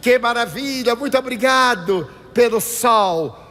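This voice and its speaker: A man's voice: very high-pitched, a little slow. Older man lecturing in a reverberant hall. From Brazil. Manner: lively storyteller, acts out dialogue. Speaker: spiritist speaker. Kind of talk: anecdotal lecture to an audience.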